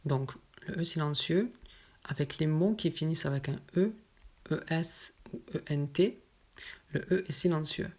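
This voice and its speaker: Slow, careful low-voiced woman teacher. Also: a little mellow. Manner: patient, pronounces example words slowly and carefully. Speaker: French teacher. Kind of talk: slow explanatory lesson.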